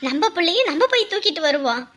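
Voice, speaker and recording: A woman's voice: very high-pitched, very animated, quick pace, a bit bright, a little hiss or hum, full character voice. An actress playing a fierce, protective village grandmother who scolds and exclaims in rural colloquial speech. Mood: resolute. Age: older. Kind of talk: TV serial acting.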